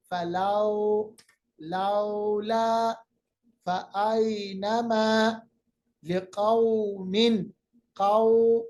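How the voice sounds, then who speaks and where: A woman teaching Quran recitation in a recorded lecture, patiently repeating and stretching out sounds to show how they are said. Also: medium pitch. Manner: repeats words to drill pronunciation.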